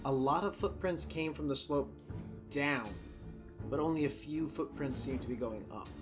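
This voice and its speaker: A man running a tabletop game, calmly describing the scene to the players. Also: on the high side, normal speed, over music. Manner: calm descriptive narration. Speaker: game master.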